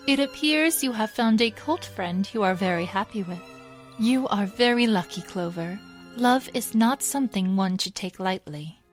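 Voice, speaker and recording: Woman acting Princess Celestia, regal and measured. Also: mid-range voice, expressive, faint music behind, close to an everyday voice. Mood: warm, approving. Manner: measured, formal, soft. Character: regal, composed, gracious pony princess ruler. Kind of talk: fan fiction audio drama.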